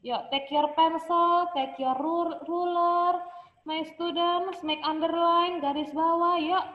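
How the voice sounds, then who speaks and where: A woman teaching a class over a video call, speaking slowly and clearly, switching between Indonesian and English. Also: very high voice, fairly even intonation. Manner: slow, clear, over-articulated teacher talk with frequent English prompts. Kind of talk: online class instruction, mixing Indonesian and English. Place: home room on a video call. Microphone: laptop mic on a video call. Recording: muffled echoey video call audio.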